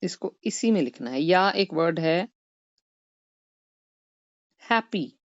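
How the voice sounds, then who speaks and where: Woman, patient online tutor; slow, step-by-step explanations with frequent "right?". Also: fairly low pitch, animated, dry recording, muffled recording. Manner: explains step by step, mixing Hindi with English, often asking "right?". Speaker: English teacher. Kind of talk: exam-prep online lesson.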